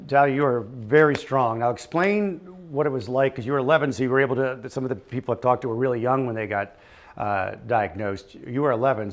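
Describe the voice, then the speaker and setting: Male telethon host, casual interviewer, halting delivery, warmly effusive. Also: medium pitch. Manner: halting, with frequent restarts and fillers; openly admiring and effusive.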